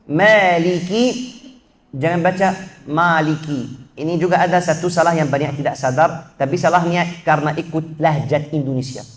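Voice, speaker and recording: In a mosque, an Egyptian man with a high voice leads a Quran recitation lesson. A native Arabic speaker, he works through sounds slowly, sets incorrect against correct forms, and chants examples of recitation.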